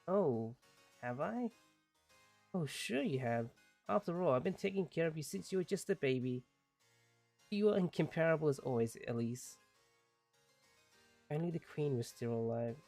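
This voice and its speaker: A man's voice: fairly high pitch, lively intonation, moderate pace, long pauses, darkish tone, faint music behind. A man voicing an elderly female royal nanny, reading her fond lines in a sentimental way while playing a game. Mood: doting.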